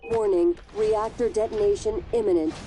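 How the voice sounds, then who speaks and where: A woman voicing a calm female ship computer that gives measured warnings over the station announcement system. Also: medium pitch, soft background music. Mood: calm alert. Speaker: game character.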